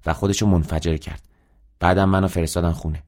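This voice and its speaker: A man's voice: low voice, fairly even intonation, darkish tone. A man voicing a cheerful, carefree young boy telling his story in an audiobook. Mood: chatty. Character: cheerful boy back home, carefree and open.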